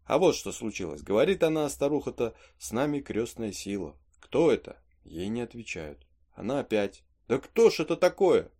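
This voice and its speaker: A man's voice: medium pitch, lively intonation, moderate pace, a little mellow, close to an everyday voice. A man reading aloud as a superstitious peasant servant, spinning a folksy tale full of asides. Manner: chatty folksy storytelling with asides. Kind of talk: audiobook reading of a play.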